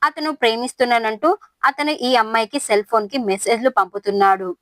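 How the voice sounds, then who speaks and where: Woman reading a calm, inquisitive teenage girl, dry sound. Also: on the high side, quick pace, dry recording, natural voice. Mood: curious. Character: curious teenage girl, younger sister.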